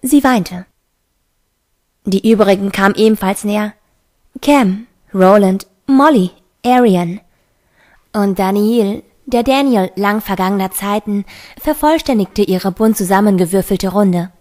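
A woman narrating a fantasy novel in an even, steady reading. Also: medium pitch, moderate pace. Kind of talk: audiobook reading.

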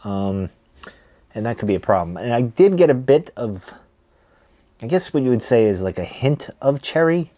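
A man's voice: mid-range voice, very animated, moderate pace, dark tone. Laid-back man chatting casually between cigar puffs. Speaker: cigar and pipe tobacco reviewer. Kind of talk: casual chat to camera. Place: small wood-paneled room, indoors.

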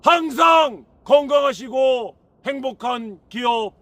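A man giving a congratulatory tribute speech, shouting ceremonious cheers. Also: very high-pitched, slow, no room sound. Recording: dry sound from a distant mic.

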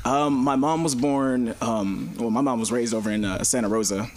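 A man's voice: medium pitch, moderate pace, darkish tone. A young man chatting as a podcast guest, laughing through his stories. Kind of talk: casual podcast chat.

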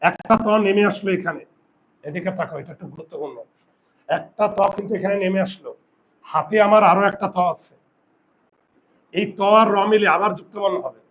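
A male teacher giving a grammar lesson, asking his students questions and slowly repeating words for them. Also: high-pitched, a bit bright. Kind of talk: classroom lesson.

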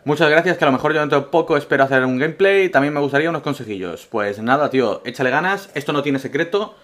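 Quick and lively, with fairly high pitch, a Spanish man from Castellón takes viewer questions in his casual gaming vlog. His humor is absurd and joking, and he lurches from loud bursts into mumbled asides, all in a Spanish accent.

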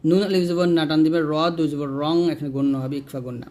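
A man with a Bangladeshi Bengali accent teaching Quran recitation, spelling out syllables one by one and chanting the verses in long, drawn-out tones. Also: fairly high pitch, fairly even intonation, dark tone. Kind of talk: slow spelled-out recitation lesson.

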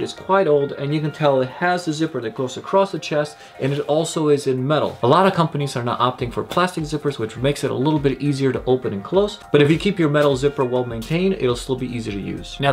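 A young man hosting an instructional vlog, explaining gear in a friendly, step-by-step way from a small indoor gear room. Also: medium pitch. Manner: friendly, explanatory, gestures while talking. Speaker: kayaking channel host.

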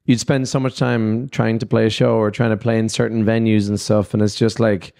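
A young musician guest, fairly low-pitched and gravelly, talks fairly quickly into a handheld mic during an interview in a festival backstage lounge. He's relaxed and rambling, full of "like" and "you know."

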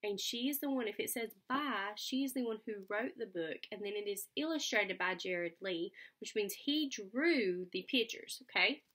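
A young adult woman reads a picture book aloud to children, keeping her explanations simple and asking them questions. Her mid-range voice is a bit bright and moves at a normal speed with few pauses. She's in a small furnished room at home, picked up by a computer webcam about an arm's length away.

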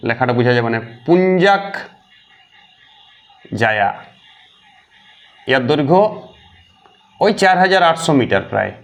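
A man teaching a geography lesson for exam prep, repeating key names slowly and quizzing his viewers. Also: high-pitched.

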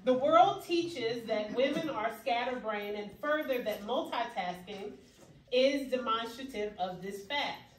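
Unhurried and expressive, this young adult woman speaks at a fairly high pitch. She's a keynote speaker preaching emphatically and now and then rising to exclamations, heard from a far camera at the back of a reverberant hall.

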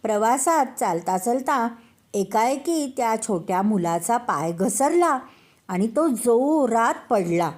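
Older lady reading a bedtime story to kids, slow and gentle, kinda high voice. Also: animated. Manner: slow, gentle, addresses children directly. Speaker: storyteller grandmother. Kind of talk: children's storytelling.

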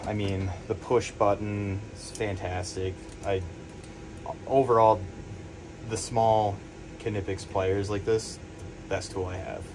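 A man's voice: on the low side, slow, pauses often, background noise. A young man, a plumber, talking casually about his tools while working in a crawl space, rambling with lots of fillers. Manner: relaxed, rambling, lots of "I mean" and "like". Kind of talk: casual on-the-job interview. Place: crawl space under a building.

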